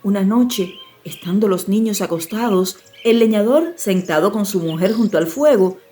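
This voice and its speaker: With a medium-pitched voice, a woman reads a fairy tale as a scripted audiobook, her storytelling measured and expressive. A little background noise can be heard.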